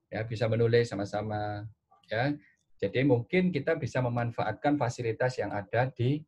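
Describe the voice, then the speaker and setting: A man gives an animated online webinar talk from home over a video call, tagging his sentences with "ya". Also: medium pitch, husky. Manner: animated, many filler "ya" tags. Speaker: webinar speaker and trainer. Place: at home, bed behind him.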